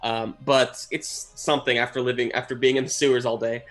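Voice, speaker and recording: Halting male game master over music. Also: medium pitch, little pitch movement, fairly bright tone. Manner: halting, searching for words. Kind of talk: improvised narration of a tabletop game. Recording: music playing behind the voice.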